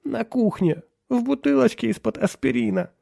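A man voicing a tearful, fretful middle-aged housewife with a shrill, high voice in an audiobook. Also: lively intonation, normal speed, vocal fry, warm tone, no echo, clean studio sound, exaggerated voice. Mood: weepy. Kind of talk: audiobook character voice.

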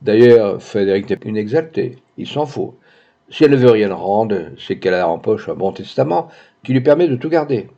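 A man's voice: on the low side, expressive, normal speed, warm tone. A man voicing a bold, scheming older woman who answers with indignant, mocking retorts, on a dull lo-fi recording. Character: brash aging woman, bold scheming matron.

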